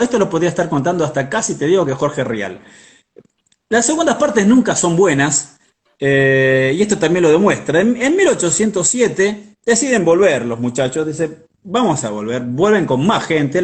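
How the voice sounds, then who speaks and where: Casting: male history presenter, Buenos Aires accent, slightly high voice, chatty storyteller with wry mock-solemn touches. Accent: Buenos Aires Argentine.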